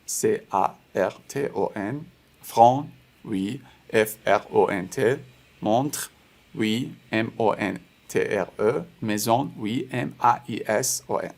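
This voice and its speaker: Speaking at a medium pitch with some vocal fry, a man whose first language is Persian walks beginners through French step by step, slowly repeating example words.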